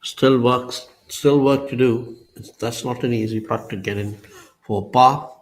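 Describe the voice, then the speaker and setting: A man's voice: medium pitch, steady tone, unhurried, low-quality recording. A man giving brief remarks as a golf co-commentator during a telecast.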